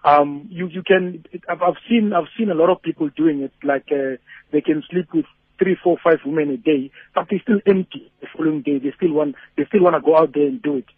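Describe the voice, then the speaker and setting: Husky man on phone line. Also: fairly high pitch, no echo. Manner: halting, repeats words while reasoning. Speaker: radio phone-in caller. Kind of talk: casual reflective opinion. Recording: tinny narrow phone line.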